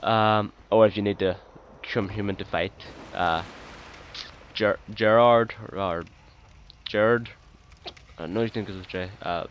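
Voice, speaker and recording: A man giving casual gameplay commentary as a let's play host, relaxed and chatty, with many ums and uhs. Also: lowish voice, measured pace, dull audio, slight background noise. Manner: hesitant, full of ums and uhs.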